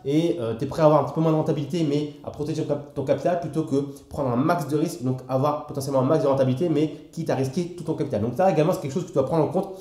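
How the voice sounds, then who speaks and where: A young French man, an investing educator, explains stock investing directly to the viewer in a familiar, casual manner packed with fillers. His voice is a little high, warm and fairly even in intonation, racing along with few pauses in a reverberant recording.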